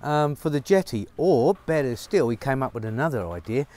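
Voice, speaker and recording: A middle-aged man with a mid-range voice talks a little fast, expressive and a little mellow, casually vlogging to camera while working outdoors on his rural farm in the rain. Chatty and upbeat, he fills his speech with fillers, picked up on a lapel mic.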